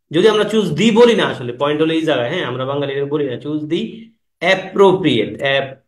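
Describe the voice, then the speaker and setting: A man teaches an exam-prep class, firing quick questions at his students and repeating the key words. His voice sits a little high for a man. The room gives it a clear echo. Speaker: English teacher.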